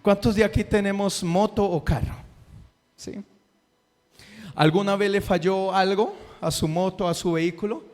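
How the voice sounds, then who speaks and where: A man's voice: sits high, fairly even intonation, unhurried, pauses often, a little mellow. A male preacher giving a sermon, impassioned and pressing his listeners with rhetorical questions. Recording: reverberant hall with faint music.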